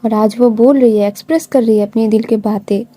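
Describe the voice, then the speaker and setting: A woman's voice: fairly high pitch, fairly even intonation, brisk, dark tone, faint music behind. A woman casually narrating a love story, retelling it in a chatty, informal way with many fillers and acting out the characters' dialogue.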